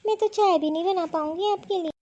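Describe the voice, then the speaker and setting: A woman's voice: extremely high pitch, quick pace, a little mellow, dull audio. A woman voicing a rude, lazy young daughter-in-law in a cartoon story; she refuses curtly and dismissively. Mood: whiny.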